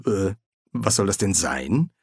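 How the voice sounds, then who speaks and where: A man's voice: fairly high pitch, sing-song, unhurried, a bit bright, husky, no echo, clean studio sound, pitched above the performer's own voice, exaggerated voice. A man voicing a flustered, pompous old wizard dean in an audiobook. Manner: bewildered, blustering.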